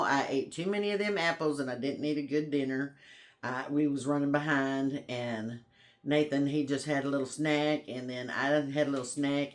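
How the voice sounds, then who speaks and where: A homestead vlogger in casual, rambling chat to camera, folksy and friendly in phrasing and often saying y'all. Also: medium pitch.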